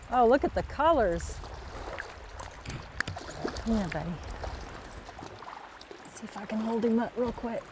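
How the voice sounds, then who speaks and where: A woman co-hosting an outdoor fishing show, chatting excitedly and laughing often by a river. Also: mid-range voice, noisy background. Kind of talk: casual outdoor chat.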